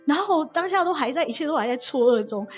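A young woman from Taiwan, a nurse telling her testimony as a guest in an animated way and acting out the words of the people she quotes. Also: sits high, quick pace. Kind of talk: personal testimony storytelling. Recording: dull lo-fi audio with faint music.

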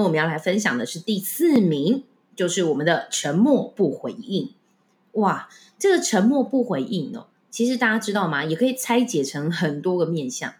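Woman, speech coach; lively up-and-down delivery, rhetorical questions, recorded in an echoey room. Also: lowish voice. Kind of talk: podcast talk giving speaking tips.

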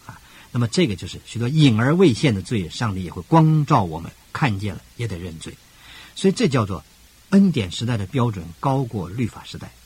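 An older man, serving as pastor, delivers an emphatic radio sermon with rhythmic parallel phrasing and sudden jumps in pitch. His voice has a breathy edge.

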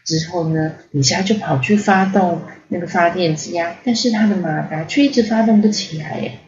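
A woman narrating a children's story, animated and sing-song, with chatty asides to the listener. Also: lowish voice, normal speed, crowd noise. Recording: slightly dull lo-fi audio.

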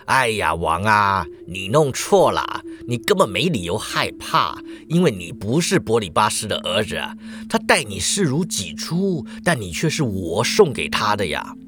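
A man's voice: fairly low pitch, sing-song, moderate pace, music in the background. A man voicing a shrewd male messenger who speaks in a knowing, insistent way.

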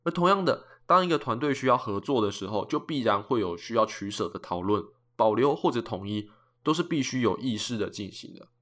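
Calm man teaching singing. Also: mid-range voice, brisk. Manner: calm, methodical explaining. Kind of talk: explanatory lesson with sung examples.

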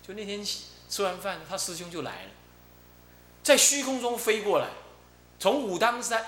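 A man's voice: high voice, pushed and bright. A male abbot from Taiwan, telling a story in a Buddhist dharma talk and acting out its characters. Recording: echoey room, faint hum.

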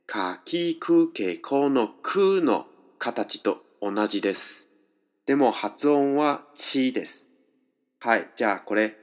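Man, language tutor, unhurried delivery, lowish voice, step-by-step explanations. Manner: explains step by step, switching between two languages. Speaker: language teacher. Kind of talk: slow, patient pronunciation lesson.

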